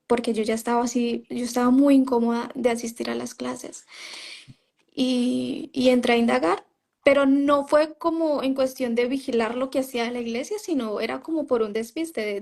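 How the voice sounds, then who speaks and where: A woman's voice: on the high side, fairly even intonation, normal speed, vocal fry, a little mellow. A woman giving a personal testimony in an interview, telling her story in a conversational way and often quoting what she said at the time. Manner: storytelling, often quoting herself, frequent "¿sabes?" and "o sea". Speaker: interview guest, former member of a religious group.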